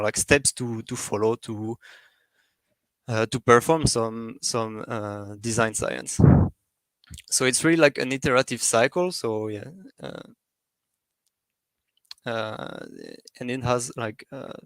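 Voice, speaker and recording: A man giving an academic presentation, talking in a halting way with many fillers and restarts. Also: mid-range voice, fairly bright tone, dry recording.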